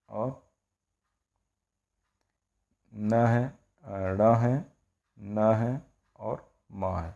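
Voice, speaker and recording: Here a Sanskrit grammar teacher with a medium-pitched, darkish voice lays out the rules step by step for his class. His style is explanatory and classroom-like, full of rhetorical questions and repeated "ठीक है".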